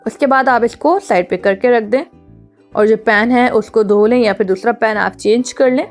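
A woman narrates a home cooking tutorial over faint background music. Her voice sits a little high, and she explains each step in a chatty, instructive manner, going back over her points. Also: normal speed. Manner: chatty, instructive, repeats herself. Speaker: cooking channel host.

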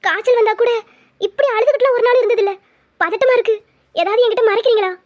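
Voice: very high-pitched, fast. A performer voicing an anxious middle-aged mother who keeps asking worried questions about her daughter. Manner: pleading, fussing questions. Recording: dull lo-fi sound.

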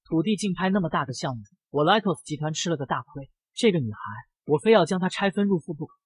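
A taunting werewolf businessman, smug and predatory, voiced by a male narrator. The voice is husky and a little high, and it is recorded dry. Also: expressive, fast, dry recording.

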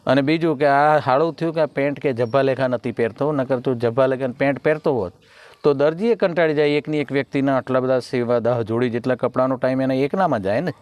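A man's voice: mid-range voice, fast talker, a little mellow, dry recording. A man, a folk comedian chatting through jokes and acting out each character's lines. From Gujarat. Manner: chatty joke-telling with acted dialogue. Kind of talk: Gujarati folk humor storytelling.

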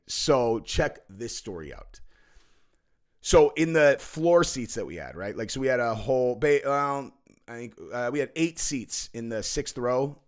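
A man, a father in his thirties, hosting a podcast and telling loose, animated stories with lots of swearing and fillers. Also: mid-range voice. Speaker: podcast host. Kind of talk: casual storytelling chat.

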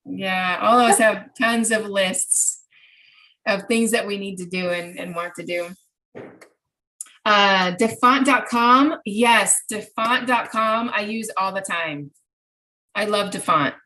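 A middle-aged woman with a mid-range, sharp-toned voice speaks slowly, leading an informal online workshop from her home craft room. As presenter, she answers participants' questions step by step with examples. The audio is low quality, picked up by a computer mic on a video call.

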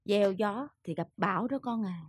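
An actress playing a stern but caring middle-aged mother with a husky voice and a Southern Vietnamese accent, consoling and scolding her daughter. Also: medium pitch, normal speed, no room sound. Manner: consoling, then gently scolding.

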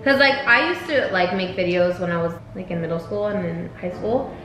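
A woman's voice: on the low side, a little fast. A young woman chatting casually while doing makeup, bantering playfully and swearing freely. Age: young adult. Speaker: makeup vlogger. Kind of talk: casual chat during makeup. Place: small indoor room with bare wall. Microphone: camera a few feet away. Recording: echoey room, music underneath.

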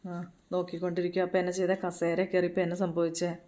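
Mum in her 30s, chatty home vlog, kinda low voice, repeats herself a lot. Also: completely flat delivery, fast talker, warm tone. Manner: chatty and repetitive, coaxing her toddler in a sing-song voice. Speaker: mother and home vlogger. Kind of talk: casual home vlog chat.

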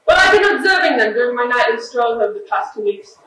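A brisk, observant gentleman detective voiced by a teenage girl trades sly remarks in a bright high voice at a quick clip. The sound is caught from far back in a very echoey school theatre, with a faint hiss underneath. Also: big pitch swings. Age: teens. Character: shrewd, secretive male detective, middle-aged. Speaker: student actor. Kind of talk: stage play performance. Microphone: distant room mic.

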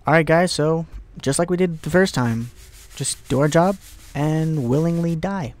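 A young man giving casual let's play commentary on a horror game, excitable, muttering to himself and swearing. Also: fairly high pitch, measured pace, no echo.

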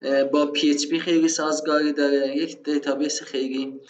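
A man's voice: a little high, little pitch movement, echoey room, a little hiss or hum. Male tutor, casual lesson delivery with rhetorical asides, lo-fi mic. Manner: conversational, rhetorical self-questions, frequent fillers. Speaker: programming instructor. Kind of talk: screen-recorded tutorial explanation.

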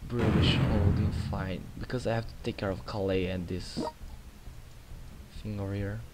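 Over loud game music and battle noise, a gaming channel host chats loosely about his strategy game, often restarting and filling gaps. He's a young Brazilian Portuguese-accented man whose fairly low voice stays steady and moves at a normal pace.

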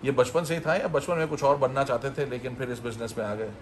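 A man's voice: mid-range voice, fairly even intonation, fast, background noise. A middle-aged man hosting a travel show, asking curious questions in a jokey, casual way inside a shop. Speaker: host. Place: large clothing shop indoors.

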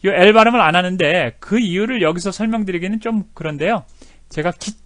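A man teaching an English video lesson, animated, repeating words over and over to demonstrate how they sound. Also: sits high, a little fast, no echo.

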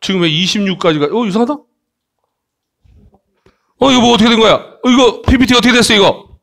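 Male kids' English teacher, high bright voice, coaxing, keeps checking in. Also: lively intonation, brisk, gravelly. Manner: coaxing, frequent tag questions. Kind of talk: online English lesson for children.

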